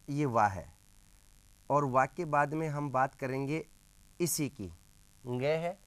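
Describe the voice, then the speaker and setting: A man teaches grammar to a class, repeatedly quizzing the students and slowly sounding things out for them to repeat. His voice falls in the mid range, and the recording has no echo.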